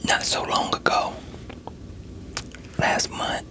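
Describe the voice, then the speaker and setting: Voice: slow pace, lightly acted. A performer in a whispered role-play voicing a veteran police interrogator who coaxes and pressures a suspect in a sceptical, streetwise way. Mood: sceptical, pressing.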